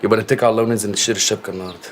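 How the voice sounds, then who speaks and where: A man's voice: fairly low pitch, steady tone, rapid-fire, over music, lightly acted. An actor playing a playful young fiancé who teases his bride in an Egyptian accent. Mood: tender teasing. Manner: joking, playful.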